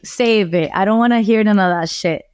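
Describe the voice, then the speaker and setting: A young Venezuelan woman from Caracas, a singer chatting as an interview guest, telling stories in a lively way and dropping English phrases into her Spanish. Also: mid-range voice, normal speed, clean tone, no echo, clean studio sound. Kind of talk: casual interview chat.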